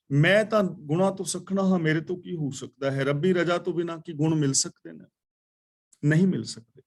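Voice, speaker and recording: A man leads a daily scripture class. He chants each verse slowly and then explains it word by word in a teaching tone. His voice sits a little high for a man.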